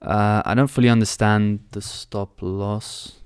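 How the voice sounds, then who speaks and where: A London-born young man runs a live trading stream from a small indoor room, answering chat questions casually after reading them into his headset mic. His voice is lowish and clean, with a steady tone and a measured pace. The recording is dry.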